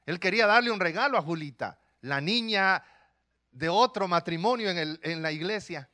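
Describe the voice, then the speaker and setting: A man's voice: high voice, normal speed. A male pastor preaching a sermon, telling stories with rhetorical questions to the congregation. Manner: animated storytelling with rhetorical questions.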